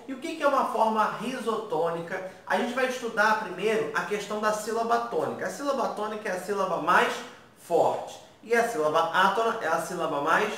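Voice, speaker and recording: Recorded at a distance in an echoey room with faint noise, a male teacher runs through grammar, asking the class questions he then answers and frequently checking in. He has a high voice and a fairly bright tone.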